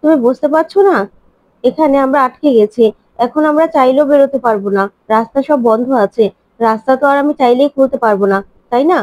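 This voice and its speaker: A woman's voice: high voice, no echo, natural voice. Hurt, insistent man, as a woman reads him. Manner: pleading, rapid, reproachful questions. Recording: dull lo-fi, dry.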